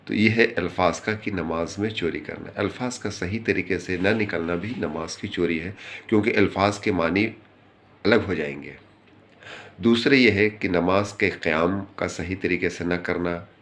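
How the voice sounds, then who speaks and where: A man giving an informal religious talk, earnestly explaining points and repeating phrases for emphasis. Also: sits low. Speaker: speaker giving religious advice.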